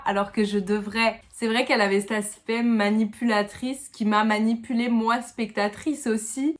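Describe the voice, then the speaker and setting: A French woman giving a casual spoken film review in a chatty way, slipping English words into her talk. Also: mid-range voice. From France.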